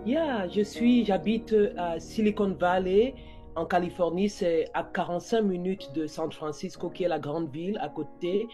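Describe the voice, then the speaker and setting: A Cameroonian woman in her forties is a guest on a podcast, in a conversational interview with soft music behind her. Her voice is lowish and warm at a normal speed, and she mixes English words into her French, restarting often.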